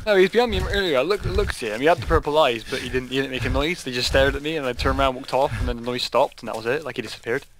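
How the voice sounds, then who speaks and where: A man playing a horror game with a friend, chatty, excitable and giggly, swearing freely. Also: medium pitch, rapid-fire, few pauses, slight background noise. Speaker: co-player. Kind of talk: casual co-op gameplay banter.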